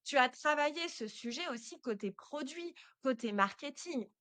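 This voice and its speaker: A woman's voice: high voice, expressive, moderate pace, a bit bright, no echo. A woman hosting a podcast, giving direct, chatty advice straight to the listener. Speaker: podcast host. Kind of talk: casual solo podcast advice.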